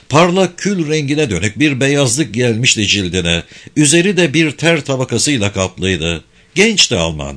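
Expressive male audiobook narrator. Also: medium pitch. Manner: expressive, tense storytelling.

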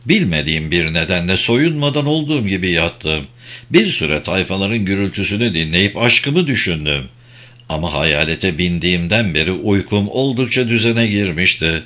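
A man's voice: lowish voice, a bit bright. A man narrating an audiobook in a dramatic, storytelling manner.

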